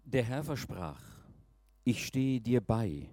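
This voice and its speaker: Calm man reading scripture. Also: medium pitch, takes it slowly. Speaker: scripture reader.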